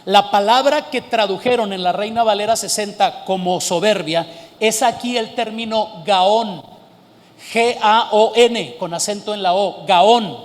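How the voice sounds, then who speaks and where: A man preaching a sermon as pastor, slowing down to stress words and at times rising to emphatic shouts. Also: sits high, long reverb tail.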